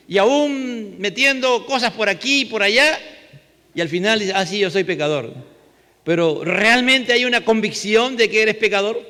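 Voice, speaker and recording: A man's voice: high voice, bright, forceful tone. A man with a Peruvian Spanish accent preaching a sermon as pastor, conversational, asking rhetorical questions and adding tag questions. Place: church. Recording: long hall reverb.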